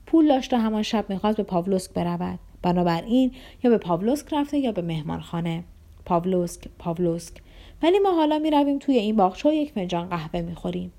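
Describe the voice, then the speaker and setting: A woman's voice: medium pitch, animated, warm tone, lightly acted. Woman reading a fawning, flustered clerk. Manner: flustered, pleading and rushed. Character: fawning middle-aged male clerk, servile.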